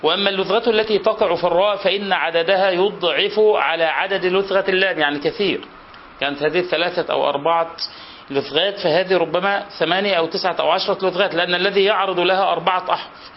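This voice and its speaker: A man's voice: high-pitched, fairly even intonation, fast talker, dull audio, slight background noise. A man with an Egyptian accent, a sheikh teaching a classical literature class, who reads from the text and patiently repeats each example to explain it. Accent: Egyptian Arabic.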